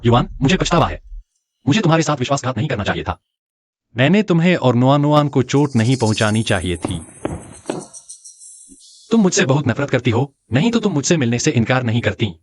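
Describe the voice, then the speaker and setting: A man's voice: mid-range voice, very animated, a little fast, long pauses, breathy edge, no room sound. A man voicing a remorseful father who pleads with his estranged wife in a dubbed drama. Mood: pleading. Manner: pleading, anguished. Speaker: dubbed actor. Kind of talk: Hindi drama dubbing.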